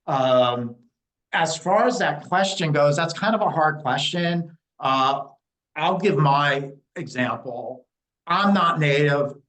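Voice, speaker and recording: A man's voice: a little high, animated, slow pace, a bit bright, low-quality recording. Blunt, opinionated New Jersey man. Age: 50s. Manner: blunt and opinionated, with frequent fillers. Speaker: interview guest, Native community liaison. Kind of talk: candid conversational interview.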